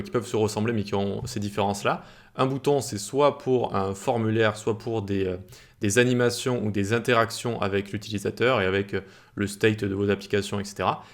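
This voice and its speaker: Low-voiced man explaining code, many fillers. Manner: informal, many fillers and restarts. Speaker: web development teacher. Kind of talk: screencast coding tutorial.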